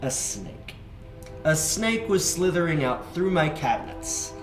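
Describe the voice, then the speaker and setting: A man's voice: on the high side, a little slow, echoey room, faint music behind. Playful man hosting a kids' show. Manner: playful, animated storyteller. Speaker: host of a kids' faith show. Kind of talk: casual chat with a young co-host.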